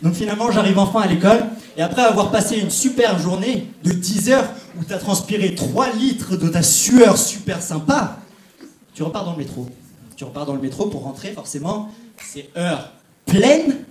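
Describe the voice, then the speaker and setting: A man's voice: high-pitched, animated, moderate pace, a little mellow, a little hiss or hum. Chatty young male stand-up comic. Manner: chatty, addresses the audience directly. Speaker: stand-up comedian. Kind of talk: stand-up comedy set. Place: comedy stage in a large theatre. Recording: echoey theatre.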